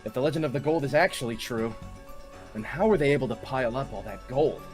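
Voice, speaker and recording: A man's voice: medium pitch, fast talker, a little mellow, faint music behind, lightly acted. A man playing an earnest young person anxiously puzzling over clues in an amateur visual novel read. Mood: reasoning.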